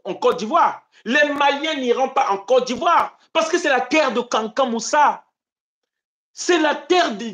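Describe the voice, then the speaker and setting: Broadcasting a live stream from his home in Europe, a Congo-Brazzaville man discusses politics with his viewers. He speaks in an impassioned, rhetorical way, his pitch very lively as he shifts between loud declaiming and low, muttered asides.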